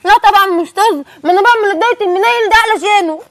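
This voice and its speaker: A woman's voice: very high voice, rapid-fire. A woman with an Egyptian accent playing a dieting wife, whiny and complaining. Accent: Egyptian Arabic. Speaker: wife in comedy sketch.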